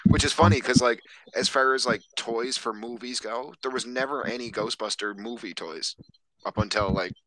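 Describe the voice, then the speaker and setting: A man's voice: medium pitch, moderate pace, a bit bright, poor audio. A man co-hosting a podcast, chatting loosely about movies and swearing often. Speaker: podcast co-host. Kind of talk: casual chat.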